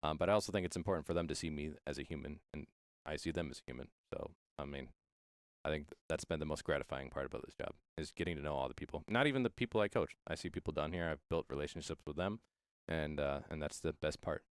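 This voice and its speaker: Casting: man, esports coach, very low voice, smooth and clear, earnest and reflective. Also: fast talker, no room sound, studio quality. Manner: earnest and reflective, many fillers and restarts. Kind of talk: casual interview.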